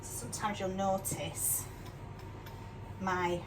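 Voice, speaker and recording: Slow-paced and fairly even in intonation, an older Yorkshire woman's mid-range voice carries a mixed northern English accent. She runs a casual, chatty cooking demonstration in her home kitchen as a vlogger, self-deprecating and fond of tag questions. The distant mic picks up clear background noise.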